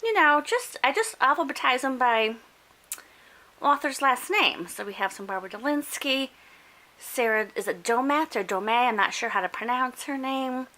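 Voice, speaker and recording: A middle-aged woman with a bright, fairly high voice talks her way along her home bookshelves. She chats casually, fills gaps with "um" and "you know", and corrects herself as she goes. She is recording on a handheld camera indoors. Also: expressive, moderate pace, rough recording. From upstate New York. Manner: chatty, with fillers and self-corrections, laughs often. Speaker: booktuber giving a bookshelf tour. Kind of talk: casual chatty vlog narration. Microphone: handheld camera while filming shelves.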